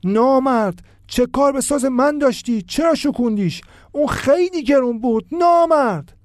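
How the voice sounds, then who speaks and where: A frantic young violinist pleads and shouts in a strained, raised voice, as a man reads him. The tone underneath stays mellow and dark, recorded close and dry with no room sound. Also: extremely high pitch, expressive, no echo, voice pushed up. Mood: anguished.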